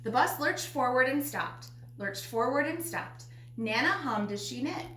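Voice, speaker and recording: Female storybook narrator, fairly high voice, reading aloud in a roomy, faintly noisy recording. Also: lively intonation, unhurried, bright, forceful tone. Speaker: storybook reader. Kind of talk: children's picture book read-aloud. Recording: roomy echo, faint background noise.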